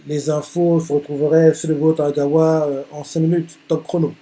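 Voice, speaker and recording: A man's voice: fairly high pitch, little pitch movement, normal speed, dark tone. A man reacting live to a manga chapter, narrating the panels with many hesitant fillers.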